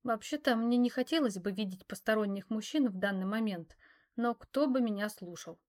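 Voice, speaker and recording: A woman narrating a first-person novel, expressive and wry. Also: medium pitch, normal speed. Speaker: audiobook narrator.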